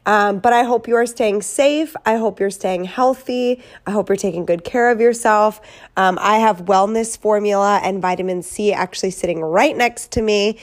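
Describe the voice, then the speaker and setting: A woman's voice: medium pitch, normal speed. A woman talks through her podcast in a loose, chatty way. Her voice is congested and thick from a head cold. She leans on ums and likes as she goes. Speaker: podcast host. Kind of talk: casual solo podcast talk.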